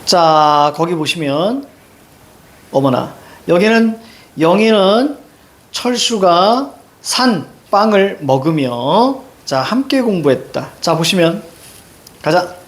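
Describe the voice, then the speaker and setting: Middle-aged male teacher, brisk exam walkthrough, higher voice with very animated pitch. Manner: brisk, keeps saying "자" and checks in with students. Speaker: Korean grammar teacher. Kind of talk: classroom lecture, solving exam questions.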